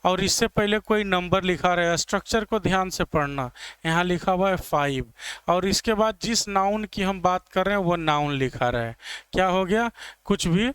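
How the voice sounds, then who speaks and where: A man's voice: sits high, normal speed, a bit bright, no echo. A man explaining English grammar in a classroom lecture, checking understanding step by step. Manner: explains step by step, asks students "clear?". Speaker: English teacher.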